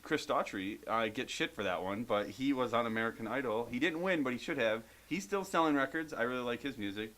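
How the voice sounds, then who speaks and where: A man co-hosting a podcast in a loose question-and-answer chat. He reads out viewer questions in a steady, middle-pitched voice and then answers them offhand, with some swearing. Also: a little fast, few pauses. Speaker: podcast co-host. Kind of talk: casual Q&A chat.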